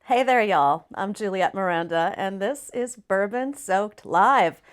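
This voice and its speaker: A woman with a raspy voice, hoarse from laryngitis, chatting casually and emphatically as a folksy livestream host. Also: mid-range voice, lively intonation, unhurried. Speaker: live stream host.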